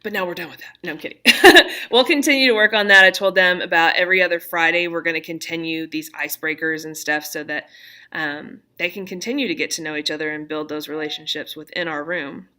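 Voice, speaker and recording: Bright-voiced woman teacher, reassuring. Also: sits low, brisk. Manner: chatty and reassuring, laid-back. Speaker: middle school teacher. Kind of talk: casual talk to parents. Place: classroom.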